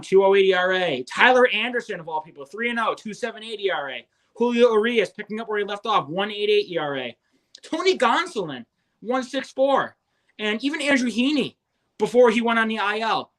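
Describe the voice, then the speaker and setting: A man's voice: high voice, a bit bright. A young man co-hosting a fantasy baseball podcast, rattling off stats with enthusiasm. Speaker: co-host.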